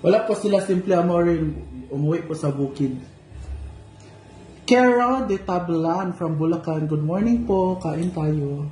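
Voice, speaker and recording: A man chats through a livestream, teasing his viewers and tossing out jokes as he reads their comments. His voice sits high for a man. The room rings with echo, and a faint noise runs underneath. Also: measured pace. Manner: playful and teasing, joking asides. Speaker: vlogger reading live comments. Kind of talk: casual livestream chat.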